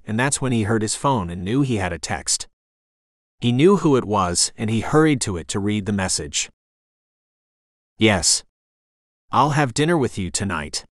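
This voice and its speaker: A man's voice: fairly low pitch, expressive, moderate pace, dry recording. Man narrating an audiobook, dry sound. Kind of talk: scripted narration.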